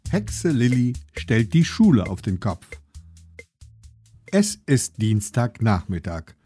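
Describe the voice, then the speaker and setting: A man narrating a children's story in a playful, dramatic storytelling manner with sudden slowdowns. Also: medium pitch, sing-song, mellow, soft background music. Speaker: audiobook narrator.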